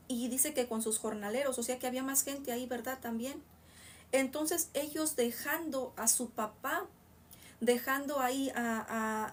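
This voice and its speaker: A woman's voice: high-pitched, far from the mic. A woman reading Bible verses aloud and explaining them to listeners in a casual, rambling way. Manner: reads a verse slowly, then explains it in rambling asides to listeners. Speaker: Bible teacher.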